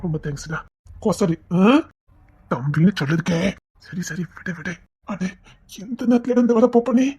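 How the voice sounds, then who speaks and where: Husky-voiced woman doing all the family parts in a serial, scolding then sweet. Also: on the low side, expressive, normal speed, dark tone, faint music behind. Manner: switches between brotherly scolding and tender coaxing. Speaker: storyteller voicing a whole family.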